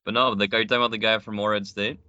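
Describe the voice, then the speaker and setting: Young man talking sports fast. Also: on the low side, level tone, sharp tone, no room sound. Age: young adult. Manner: knowledgeable, quick, matter-of-fact. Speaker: guest. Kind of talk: casual sports radio chat. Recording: muffled lo-fi audio.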